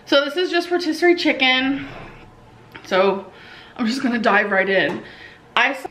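A woman vlogging in a loose, chatty way, sharing her day with her viewers. Her voice sits a little high and is full of filler words. A faint noise runs underneath. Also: animated, moderate pace, fairly bright tone, reverberant, poor audio. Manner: chatty, filler-heavy, confessional. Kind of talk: casual vlog chat.

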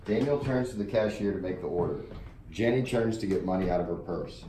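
A man reads stage directions in a flat, matter-of-fact voice at a casual rehearsal. He sits back from the mic in a roomy, echoing space. Faint noise hangs behind him. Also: lowish voice, brisk, far from the mic. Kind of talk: casual rehearsal read-through.

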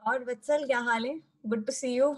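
A woman with an Indian accent and a husky voice, chatting casually and mixing two languages on a video call. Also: high-pitched, fairly even intonation, racing. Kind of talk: casual chat mixing Hindi and English.

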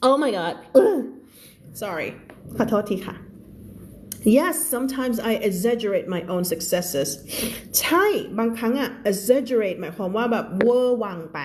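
A woman teaching English on a live stream with a Thai accent. She reads English lines slowly and explains them quickly, laughing often. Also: medium pitch, animated, slight background noise. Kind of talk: live-streamed reading lesson.

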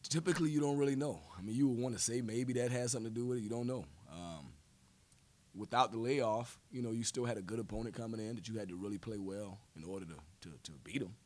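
A man in his forties, the head coach, takes questions after the game in a press room, using a table mic on a stand. His lowish voice is a little mellow, and his measured replies are full of fillers and repeated words.

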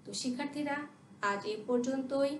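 A woman's voice: sits high, fairly even intonation, normal speed, a little hiss or hum. Teacher woman spelling words aloud. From Bangladesh. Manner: spells words letter by letter, asks and answers own questions. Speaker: primary school English teacher. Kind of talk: recorded classroom lesson. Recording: echoey room, voice from a distance.

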